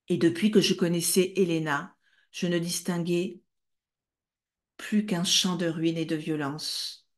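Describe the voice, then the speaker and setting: A woman hosting a book club, reading a novel aloud with dramatic, emotionally charged delivery. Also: fairly low pitch.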